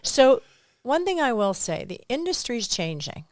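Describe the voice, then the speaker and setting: A woman's voice: on the high side, big pitch swings, a little slow, no echo, clean studio sound. A middle-aged woman, a real estate agent and coach, chatting in an interview, rambling into asides and laughing often. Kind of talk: casual interview chat.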